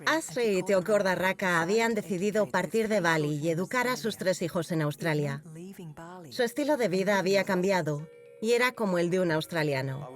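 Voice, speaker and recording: A woman narrating a documentary in a measured, scripted way. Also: on the low side, lively intonation, faint music behind.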